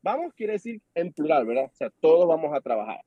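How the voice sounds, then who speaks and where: A young Venezuelan man with a Venezuelan accent, chatting as a podcast guest and telling an animated story while acting out the dialogue. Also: on the high side, quick pace, no echo. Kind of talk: casual chat. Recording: dull lo-fi sound.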